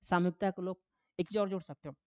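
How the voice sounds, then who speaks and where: A man's voice: high voice, fast, smooth, no room sound, lo-fi sound. A man teaching a classroom lecture, asking his students questions and answering them himself, acting out quoted voices. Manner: animated, acts out quoted voices.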